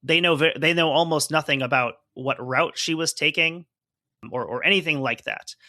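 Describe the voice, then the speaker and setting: On a podcast, a male co-host reads from a report and talks it over casually, leaning on fillers and hedges while explaining. He has a fairly high, sharp voice at a moderate pace, in a dry, studio-quality recording.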